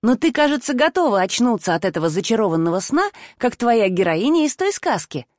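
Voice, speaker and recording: A woman reading an audiobook voices the narrator's fiery young best friend, emotional and quick to anger. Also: a little high, big pitch swings, darkish tone, dry recording, studio quality. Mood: warm.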